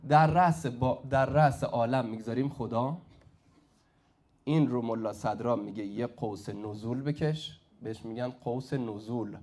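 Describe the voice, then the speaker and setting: A man's voice: mid-range voice, fairly even intonation, a little mellow. A man teaching a classroom lesson at the board, often prompting students to call out the answer. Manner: prompts the class with "say it" and quizzes them. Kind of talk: classroom lecture at a whiteboard.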